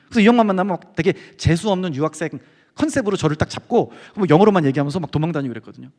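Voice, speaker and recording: Middle-aged man, high lively voice, testimony sermon, reverberant church hall. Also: rapid-fire. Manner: animated storytelling, acting out quoted friends. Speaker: guest speaker. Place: church sanctuary.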